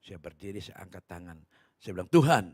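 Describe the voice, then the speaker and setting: Husky animated male preacher. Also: mid-range voice, fairly quick. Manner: animated storytelling, laughing, acting out dialogue. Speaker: pastor. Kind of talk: sermon. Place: church.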